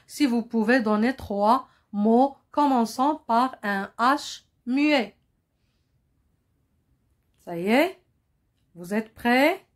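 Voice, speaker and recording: A woman French teacher, drilling vocabulary slowly and asking pupils to repeat, sometimes explaining in Arabic. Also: fairly high pitch. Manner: switches into Moroccan Arabic to explain. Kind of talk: slow classroom-style lesson.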